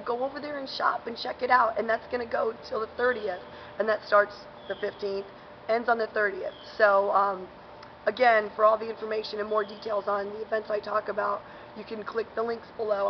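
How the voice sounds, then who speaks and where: A woman's voice: mid-range voice, flat delivery, brisk, dull audio, slight background noise. A woman hosting a casual local events vlog, talking in a chatty, upbeat way with lots of fillers, outdoors in a parking garage while chewing gum. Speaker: host.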